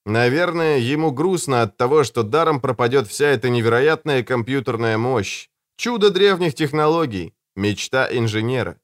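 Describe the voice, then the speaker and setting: A man narrating an audiobook with expressive, dramatic storytelling. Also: medium pitch, moderate pace, hardly any pauses, no echo, studio quality. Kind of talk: scripted narration.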